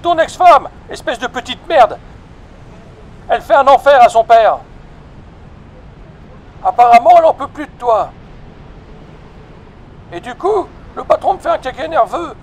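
Man putting on a high-pitched, barking drill-sergeant cop. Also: animated, measured pace, pauses often, exaggerated voice, poor audio. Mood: angry, threatening. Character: foul-mouthed, bullying, angry police sergeant. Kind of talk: acted video game dialogue.

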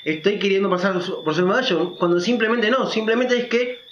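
A man speaks in a loud, emphatic way, sitting higher in pitch than most men. He talks through a casual opinion monologue, often checking in with quick tag questions. The recording is roomy and a little dull. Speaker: vlogger.

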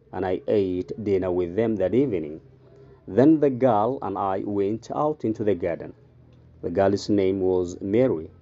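A man with a Somali accent and a very dark, low voice reads a story slowly and deliberately for an English lesson. The recording sounds a little dull and lo-fi. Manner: slow, deliberate reading. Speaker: English teacher. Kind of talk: reading a story aloud with line-by-line translation.

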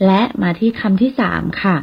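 A woman's voice: brisk, highs cut off. A woman with a Thai accent, hosting a radio English lesson, politely spelling out words letter by letter. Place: radio studio.

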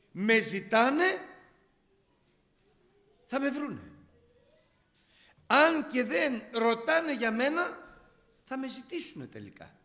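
A preacher speaking as God, fatherly male deity, patient, reassuring, high and lively voice, long church reverb. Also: full character voice. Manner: reassuring, repetitive declarations.

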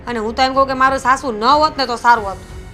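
A young woman playing a stubborn, demanding newlywed wife who talks loudly and argues. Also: sits high, fast talker, soft background music. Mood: argumentative. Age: young adult. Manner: loud, argumentative.

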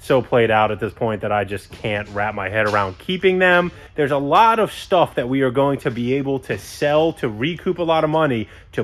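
A man's voice: medium pitch, slight background noise. A man hosting a car-build vlog from his shop, talking casually and expressively with a self-mocking streak. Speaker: shop owner and channel host.

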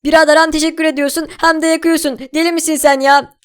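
A man voicing a cheeky male sidekick friend in a game role-play, chummy and teasing, quick to warn. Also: very high voice, level tone, fairly bright tone, voice pushed up. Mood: indignant.

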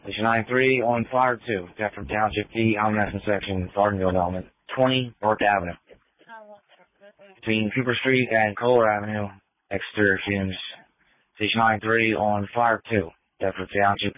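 A man with a fairly low, steady voice reads fire and EMS calls briskly as an emergency dispatcher. His phrasing is clipped and formal, and the two-way radio transmission sounds like a phone.

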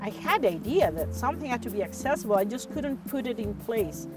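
A woman from Ethiopia talking lively and enthusiastically about her experience. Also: a little high, a little fast. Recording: distant mic with loud music.

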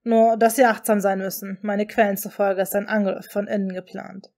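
A woman voicing a cold, sarcastic male professor who speaks quietly and cuttingly in a fan-fiction audiobook. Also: medium pitch, flat delivery, normal speed, lightly acted.

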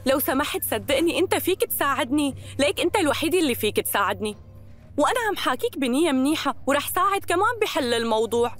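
High, lively, coaxing Syrian schemer. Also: female voice, quick pace, soft background music. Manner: coaxing, insistent. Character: persuasive, coaxing, manipulative young woman. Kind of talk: dubbed TV drama dialogue.

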